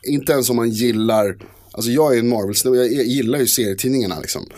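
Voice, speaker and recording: A man's voice: mid-range voice, darkish tone, no room sound. A man in casual podcast chat, talking hesitantly with many fillers and restarts. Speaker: podcast co-host.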